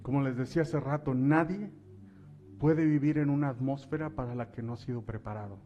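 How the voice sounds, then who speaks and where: A man preaching a sermon as pastor, asking his listeners direct questions and building up to loud, emphatic passages. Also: a little fast, dull audio, soft background music. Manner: rises to loud, high-pitched preaching at climaxes.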